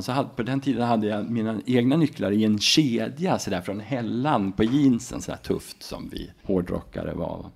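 Gravelly low-voiced man telling a story. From Sweden. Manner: relaxed, halting, frequent tag questions. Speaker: guest. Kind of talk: casual storytelling.

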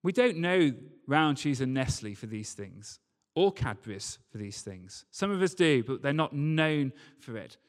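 The preacher's voice is mid-range with big pitch swings, a little slow but with few pauses. He tells his sermon conversationally, like a story, using emphatic repetition, in a live recording from a reverberant church hall.

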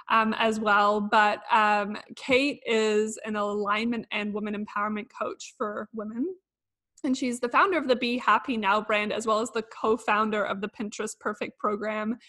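A woman's voice: on the high side, fairly bright tone. A woman hosting a podcast, bubbly and giggly, chatting casually with many fillers. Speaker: podcast host.

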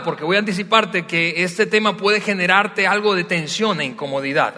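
A man from Venezuela, preaching a sermon in a relaxed, storytelling way, often pausing with hesitations. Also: high voice. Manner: warm, conversational storytelling with frequent hesitations. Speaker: pastor. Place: large church hall. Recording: long hall reverb from a large church.

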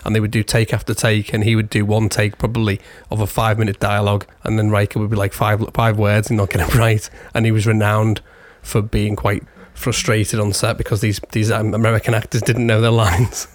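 A man co-hosting a podcast in casual chat about a TV episode, chatty and quick to joke and laugh. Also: lowish voice, completely flat delivery, no room sound. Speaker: podcast co-host.

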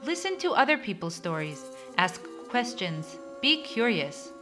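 A woman co-hosting a podcast, reading a scripted intro in an expressive, announcer-like way. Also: mid-range voice, a little slow, music in the background. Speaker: co-host.

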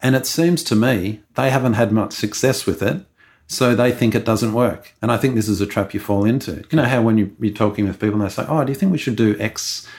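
A man's voice: lowish voice, brisk. A middle-aged man co-hosting a casual podcast, talking in an opinionated, conversational way. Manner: opinionated, conversational, animated asides. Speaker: podcast co-host.

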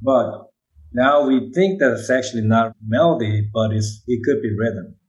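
A man with a medium-pitched voice, speaking at a normal pace, answers interview questions about brain research. Korean is his first language, and his English carries a Korean accent. He explains things carefully and often checks in with "right?", while the recording has its high frequencies cut off.

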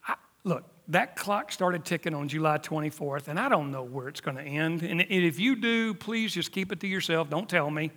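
Pastor, late fifties, slightly high voice, emphatic with hushed drops, long hall reverb. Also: male voice, moderate pace. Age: 50s. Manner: emphatic preaching, dropping to near-whispers for emphasis. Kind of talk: sermon.

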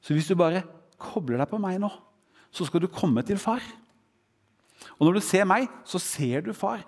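A man's voice: high-pitched, lively intonation, a little mellow, husky. A man preaching a sermon, quoting scripture with a rising and falling voice. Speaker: pastor. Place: church hall. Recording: church hall reverb.

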